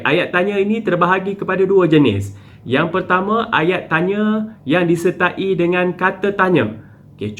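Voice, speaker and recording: A man's voice: a little high, a bit bright, muffled recording. A man teaching a primary school lesson, explaining step by step with patient repetition. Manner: patient, step-by-step, with frequent "okey" and "ha" fillers.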